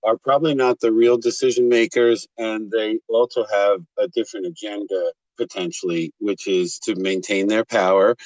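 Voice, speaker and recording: A man with a tinny, thin sound and no bass, as if in a tin can, giving a measured, point-by-point opinion as a caller in a group chat. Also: steady tone, a little mellow, dry recording. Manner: measured, deliberate, argues point by point. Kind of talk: casual opinion in a live discussion.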